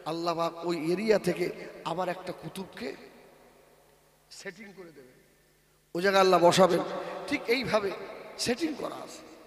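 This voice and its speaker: A man preaching a waz, moving between low storytelling and loud, slow sung chanting. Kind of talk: Bengali Islamic sermon, waz. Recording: echoey, reverberant loudspeaker sound.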